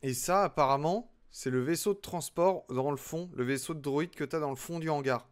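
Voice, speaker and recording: A man's voice: a little high, normal speed. Chatty young man streaming while building. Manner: chatty, self-mocking, talks to chat while working. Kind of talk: casual live-stream chat while building Lego.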